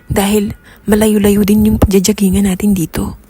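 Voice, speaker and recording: A woman's voice: mid-range voice, level tone, normal speed, dark tone, soft background music. A woman with a Filipino accent narrating a casual vlog in a chatty, playful, self-teasing way. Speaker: vlogger.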